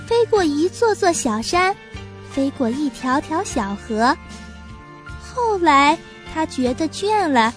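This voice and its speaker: A woman with a high voice narrates a children's story, clear and expressive. Faint music runs beneath her reading.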